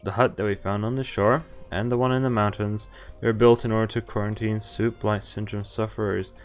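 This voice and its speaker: Streaming a visual novel, a man with a lowish voice reads the narration in a level tone at a fairly quick clip, then breaks off to swear and react. Faint music plays in the background.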